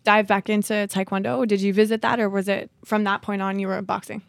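A woman's voice: mid-range voice, level tone, a little fast, gravelly, dry recording. A woman hosting a podcast studio interview, playful and teasing, swearing freely. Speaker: podcast host. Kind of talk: casual interview.

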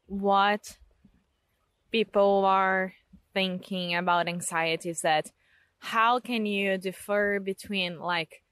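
Woman, podcast co-host, casual questions, unhurried slow pace, outdoors in the open, dry sound. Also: mid-range voice, a bit bright, no echo. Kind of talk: casual conversation. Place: outdoors in nature, recorded while walking.

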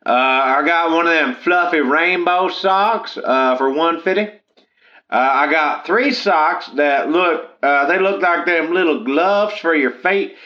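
A man's voice: on the high side, a little slow, pushed and bright. An actor playing a simple, folksy man who rambles and hesitates as a caller on a radio call-in show, heard over the phone. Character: simple folksy man selling odd socks. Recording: muffled phone line.

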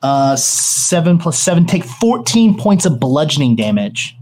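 A man's voice: fairly high pitch, big pitch swings, a little slow, a little mellow. A man narrating a tabletop game as game master, improvising hesitantly and thinking aloud.

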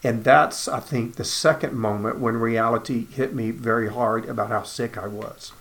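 A man's voice: medium pitch, fairly even intonation, normal speed, fairly bright tone. A man, earnestly telling his own cancer story as personal testimony and acting out the dialogue.

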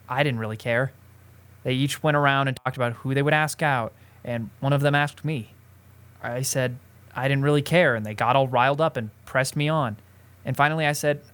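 A man's voice: mid-range voice, fairly bright tone, lightly acted. A young man in a student radio drama playing a shy, anxious teenage boy who stammers and pleads. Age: young adult. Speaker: nephew.

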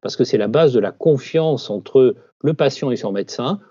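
A man's voice: mid-range voice, animated, normal speed, mellow, breathy edge, no echo, highs cut off. A man who leads a doctors' union, giving firm, persuasive interview answers.

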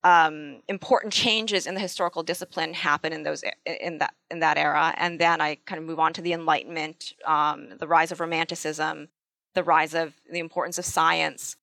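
A woman's voice: deep voice, fairly even intonation, moderate pace, creaky, a bit bright, no echo. A woman historian answering interview questions, hesitant with many ums and repeated starts. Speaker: guest historian.

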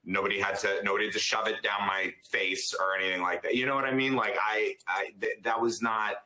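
A man's voice: lowish voice, steady tone, brisk, pushed and bright, poor audio. A man in casual group chat, talking bluntly and plainly.

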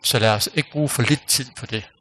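A man preaching a sermon, earnest and unhurried, dropping to a near-whisper for emphasis. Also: medium pitch, bright, forceful tone, husky. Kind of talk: sermon with closing prayer.

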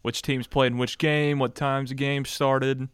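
A man's voice: mid-range voice, level tone, a bit bright, clean tone, no echo, studio quality. A man co-hosting a sports radio show, casually chatting and agreeing with his partner. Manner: agreeable, quick back-channel replies.

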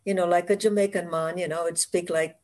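Woman guest with a West Indian accent, slightly low voice, laughing storyteller on a video call. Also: steady tone, fairly quick. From Caribbean. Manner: warm storytelling, laughs often. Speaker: author guest. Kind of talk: casual interview conversation.

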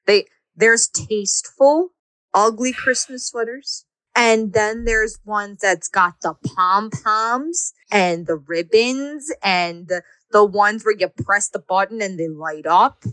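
A woman co-hosting a casual podcast chat. She rambles through stories with plenty of "like" and gives blunt hot takes. Her voice sits in a middle pitch and sounds close and dry. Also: slow pace, no room sound. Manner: animated storyteller, lots of fillers. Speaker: podcast co-host.

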